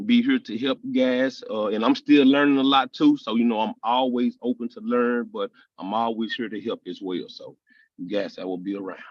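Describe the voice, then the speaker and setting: A man's voice: mid-range voice, fairly even intonation, moderate pace, dry recording. A man from Memphis, talking casually in an online meeting in a friendly, rambling way. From Memphis, Tennessee, US. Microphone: video call. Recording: dull lo-fi call audio.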